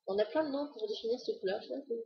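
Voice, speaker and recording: A woman's voice: fairly high pitch, rapid-fire, creaky, husky, muffled recording. A woman chatting casually to the camera in a beauty haul video, enthusiastic and full of fillers. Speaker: beauty vlogger.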